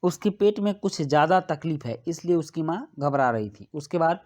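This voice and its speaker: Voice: medium pitch, animated, moderate pace, a little mellow. A teacher works through a school worksheet, reading a short play line by line. Each passage is followed by a plain, step-by-step explanation for students.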